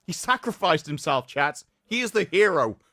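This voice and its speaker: A male livestream host gives a mock-solemn dramatic reading, breaking off into sarcastic commentary, his very animated voice pushed and bright and swinging widely in pitch with theatrical flair. He speaks at a moderate pace, recorded up close and very dry with no room sound.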